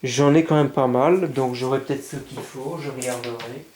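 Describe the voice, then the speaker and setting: A man's voice: mid-range voice, normal speed, slight background noise. A man casually showing a scale model kit to his viewers, hesitant with many fillers, stumbling over English words. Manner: relaxed, hesitant with frequent "euh" fillers; mispronounces English paint names. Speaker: scale model hobbyist vlogger. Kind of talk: casual unboxing commentary.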